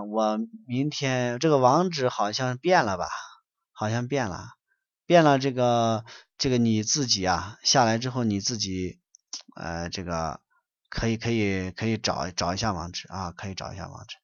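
Man, online lecturer, preachy, scolding, rhetorical questions, phrases trailing off softly, middle pitch, dull lo-fi dry recording. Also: dry recording. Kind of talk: lecturing and answering listener questions.

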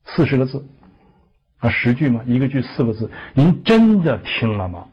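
A man's voice: medium pitch, sing-song, normal speed, breathy edge. A man teaching a Buddhist dharma lecture, explaining patiently with many "ah" fillers and rhetorical questions, on a muffled lo-fi recording.

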